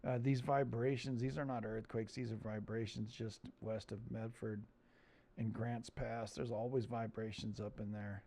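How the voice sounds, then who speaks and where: A man with a gravelly, creaky voice hosts a loose screen-share chat. He rambles and hesitates, filling gaps with "um" and "uh" as he points things out. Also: fairly low pitch, flat delivery, moderate pace, dark tone. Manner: rambling, hesitant with many fillers. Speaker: host.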